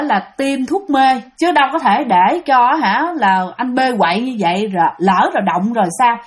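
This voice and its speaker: A high-voiced woman narrates a ghost story aloud, chatting with listeners and addressing them directly.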